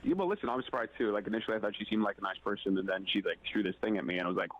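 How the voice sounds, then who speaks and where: A man's voice: lowish voice, racing, dull audio. A man caller on a radio show, defensive and indignant, talking in a worked-up way. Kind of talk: phone-in radio bit.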